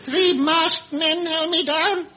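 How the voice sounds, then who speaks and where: Indignant, high-voiced lady passenger. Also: fairly even intonation, slow, very noisy. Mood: indignant, aggrieved. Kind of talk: radio comedy sketch acting. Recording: muffled old recording with audience.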